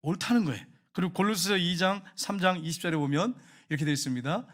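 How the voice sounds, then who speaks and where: A middle-aged man preaching a sermon as pastor, telling a story and acting out quoted lines with sudden loud rises and hushed drops. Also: high-pitched, quick pace.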